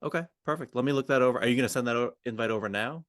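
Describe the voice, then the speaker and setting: A podcast co-host with a mid-range, fairly bright voice talks rapid-fire in an informal, collaborative, conversational way during a discussion of roleplay and conversational coaching. The recording is dry and studio quality.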